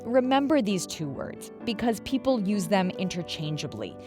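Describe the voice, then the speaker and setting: Woman narrating a podcast with a lively pitch. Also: moderate pace, music in the background. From Pacific Northwest, US. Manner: conversational, explanatory. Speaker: podcast host.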